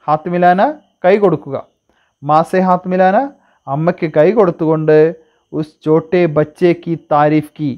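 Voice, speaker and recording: A man's voice: on the high side, muffled recording. A man with a Malayali accent teaching a Hindi lesson in Malayalam. He reads each phrase, translates it and asks questions about it.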